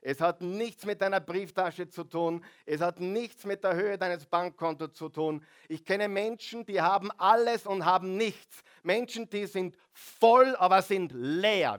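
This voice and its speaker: A male pastor preaching a sermon, drawing out key words and asking the congregation to repeat phrases after him. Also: sits high. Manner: calls on the congregation to repeat phrases, drawn-out emphasis.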